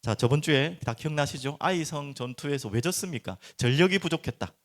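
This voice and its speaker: A man's voice: fairly high pitch, animated, brisk. A middle-aged male pastor preaching a sermon at a midweek prayer service, firing rhetorical questions and acting out people's inner thoughts.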